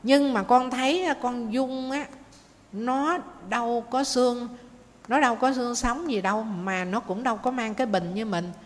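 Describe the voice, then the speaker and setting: A woman's voice: a little high, moderate pace, pitched above the performer's own voice, close to an everyday voice. A woman voicing a small baby snail that complains, with a plaintive, whining manner. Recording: faint noise, long hall reverb.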